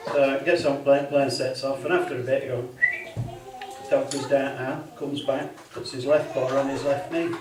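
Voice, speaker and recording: A man doing stand-up in a church hall, telling deadpan dialect jokes and laughing at his own punchlines. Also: mid-range voice, normal speed. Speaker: stand-up comedian. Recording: echoey hall, heard from far off, noisy.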